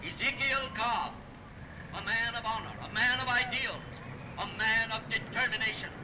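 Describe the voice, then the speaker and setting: A man's voice: very high-pitched, normal speed. An actor playing a formal civic chairman giving a declamatory 1930s film speech, a disembodied voice as if over a radio. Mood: solemn, rousing. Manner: formal, declamatory banquet oratory. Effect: disembodied voice over a car radio. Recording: noisy, distant 1930s film soundtrack.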